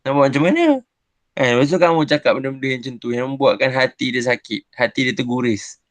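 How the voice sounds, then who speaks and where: A man with a Malaysian Malay accent teaches young children over a video call, joking and checking in with "kan?" after nearly every point. His voice sits at an ordinary middle pitch and sounds close and dry, with no room around it. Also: fast talker, dry recording. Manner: chatty, teasing, keeps asking "kan?"; acts out silly examples with a chuckle. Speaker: religious teacher. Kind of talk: online class lesson for young pupils.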